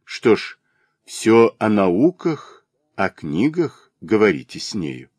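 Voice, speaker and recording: A man's voice: fairly low pitch, big pitch swings, takes it slowly, a little mellow, dry recording, exaggerated voice. A male audiobook reader voicing a young peasant woman who is devoted and jealous, speaking with reproachful, emotional pleading.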